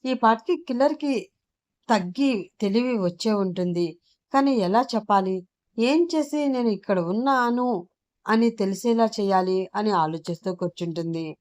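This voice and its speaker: A woman's voice: mid-range voice, a little slow, darkish tone, natural voice. A woman storyteller voicing a frightened young woman held captive, speaking in a trembling, pleading way. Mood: worried.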